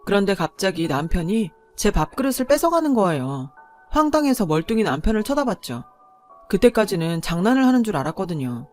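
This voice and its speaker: Female narrator, 30s, mid-pitched, steady confiding storytelling. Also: a little fast. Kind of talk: scripted first-person story narration. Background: faint background music.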